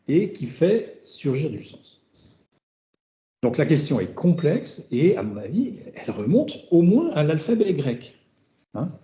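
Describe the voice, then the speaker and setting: A man's voice: on the high side, mellow. A middle-aged man giving an academic seminar lecture, thinking aloud as he goes, repeating words and tagging his phrases with questions. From France. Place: seminar room. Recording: roomy, dull lecture-room recording.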